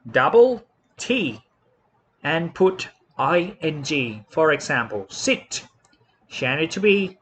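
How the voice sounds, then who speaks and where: A man teaching English grammar with a Thai accent, explaining slowly and repeating each word and rule, spelling out letters one by one. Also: a little high, a bit bright, breathy edge. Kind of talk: slow classroom explanation.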